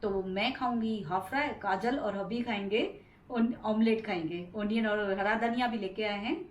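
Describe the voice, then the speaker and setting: A woman's voice: medium pitch, moderate pace, reverberant. A middle-aged woman from India chatting her way through a casual home vlog, rambling about her daily chores. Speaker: vlogger. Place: home interior.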